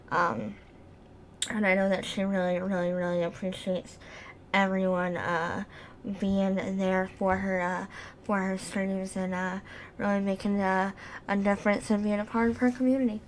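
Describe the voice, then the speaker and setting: A woman's voice: medium pitch, slight background noise. A woman co-hosting a live-streamed news show, talking casually with lots of fillers and easy laughter. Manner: halting, full of fillers, laughs easily.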